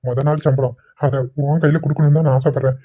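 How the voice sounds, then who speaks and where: A man's voice: medium pitch, steady tone, fast talker, no echo, natural voice. A man voicing a kind, reformed middle-aged father-in-law in a cartoon, speaking affectionately. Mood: proud, tender. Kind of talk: amateur cartoon voice acting. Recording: dry, tinny phone-like sound.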